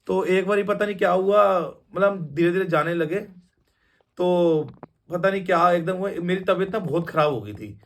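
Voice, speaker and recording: A man's voice: sits high, normal speed. A young man telling a personal testimony in a casual, rambling way, with many restarts and fillers. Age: young adult. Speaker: devotee sharing a testimony.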